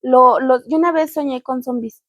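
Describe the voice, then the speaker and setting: A young Mexican woman with a high, light voice, chatting casually as a podcast co-host. She tells stories with animated energy, acts out the lines of the people in them, and laughs often. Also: normal speed. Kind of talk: casual chat.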